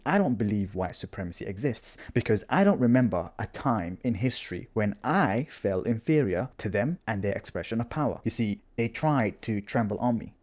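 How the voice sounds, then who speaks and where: A man with a lowish voice delivers a commentary in measured, lecturing sentences. He talks as the host of his own channel, answering another video point by point. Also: a little mellow. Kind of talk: argumentative commentary.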